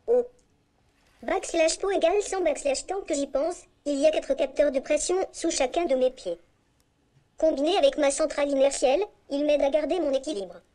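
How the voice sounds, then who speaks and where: A synthetic female text-to-speech voice speaking as a small, polite humanoid robot introducing itself in an even, scripted way. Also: high voice, moderate pace. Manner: even, scripted self-introduction with stock phrases. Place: conference stage, robot's own speaker.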